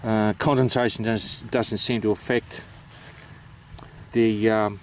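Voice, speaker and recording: An Australian man talks through practical details in a low voice with very little melody. He is unscripted and hesitant, explaining things in a plain, matter-of-fact way. There is some noise behind him. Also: level tone, slow. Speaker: amateur radio operator presenting. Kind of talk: informal explanatory vlog.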